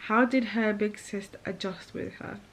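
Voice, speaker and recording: A woman's voice: medium pitch, steady tone, moderate pace, creaky, slight background noise, low-quality recording. Candid woman vlogger. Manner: chatty and candid, often laughing, with a catch of emotion. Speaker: vlogger and mother. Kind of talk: casual chat.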